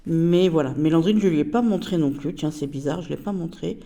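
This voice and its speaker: A woman's voice: deep voice, brisk, gravelly, mellow. A woman casually reviewing a tarot deck, chatty and hesitant with many fillers.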